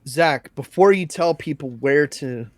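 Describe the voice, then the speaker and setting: Dude with the hiccups, teasing his friends, dry close mic, higher voice. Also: a little slow, no echo. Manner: jokey, teasing. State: has the hiccups. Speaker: podcast co-host. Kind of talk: casual chat.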